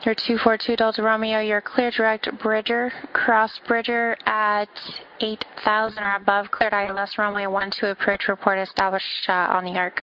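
A woman working as an air traffic controller on the radio, giving clipped procedural instructions in an even delivery. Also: normal speed, hardly any pauses. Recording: muffled low-fidelity radio audio.

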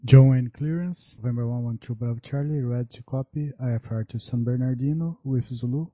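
Pilot guy on cockpit headset, really dark mellow voice, muffled radio readbacks. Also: medium pitch, a little fast. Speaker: pilot on air traffic radio.

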